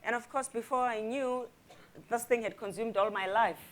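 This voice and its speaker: A woman speaking as a guest in an onstage panel discussion, reflective and unhurried, with many hesitant fillers. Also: a little high.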